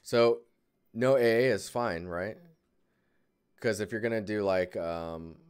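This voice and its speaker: Man, low voice, smooth clear tone, relaxed rambling art critique, desk mic. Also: slow. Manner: relaxed, rambling, thinking aloud. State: yawning, tired. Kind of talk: casual live critique.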